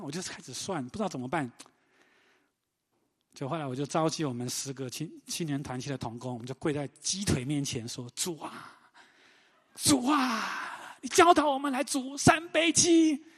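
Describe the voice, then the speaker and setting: A man with a fairly high voice preaches a sermon, telling stories with animated energy and tossing questions to the congregation. His voice rings out with a long reverberant tail, as in a large church hall. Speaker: pastor.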